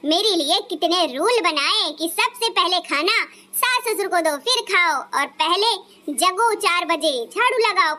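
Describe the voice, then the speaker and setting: A sharp-tongued elder daughter-in-law from a cartoon, voiced by a woman. Her voice is high and bright. She speaks with constant sarcasm and accusation. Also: heavily acted. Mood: accusing. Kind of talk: Hindi cartoon dubbing.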